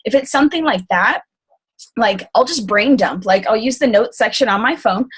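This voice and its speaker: A woman talking casually on a group call, rambling quickly with lots of fillers. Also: fairly high pitch, expressive, slightly rough. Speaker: team call speaker.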